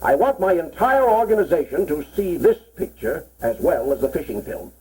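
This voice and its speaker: A man's voice: on the high side, very animated, moderate pace, a little mellow, breathy edge, heavily acted. A man playing an impressed businessman in a 1940s promotional film, talking in an appreciative, conversational way. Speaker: visiting businessman viewing the film. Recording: muffled, worn 1940s film soundtrack.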